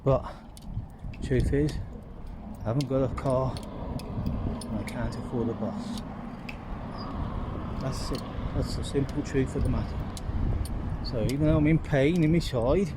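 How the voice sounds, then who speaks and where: A British man talks into his phone while walking down a street, out of breath and rambling as he thinks aloud. His voice sits at an ordinary middle pitch. Cars and street noise come through clearly behind him. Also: measured pace, pauses often. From United Kingdom. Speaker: vlogger. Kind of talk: casual walking vlog. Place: outdoors on a street.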